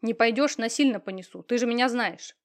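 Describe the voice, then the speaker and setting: A woman voicing a gruff, stubborn man in an audiobook, speaking bluntly and forcefully. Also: a little high, fairly quick, close to an everyday voice.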